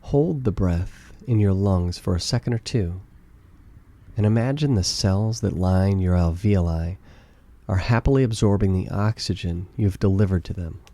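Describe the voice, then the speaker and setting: This is a guided meditation led by a man whose voice is low and deeply mellow. Moving at normal speed, he gives soothing directions with a gentle, calm, warm, and relaxed delivery.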